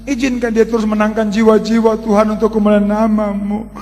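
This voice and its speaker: A devout wife murmurs a tender prayer for her husband, voiced by a man retelling it. The voice sits high. A long hall reverb trails after every phrase. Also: monotone, fairly quick, a little mellow, natural voice. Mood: tender prayerful.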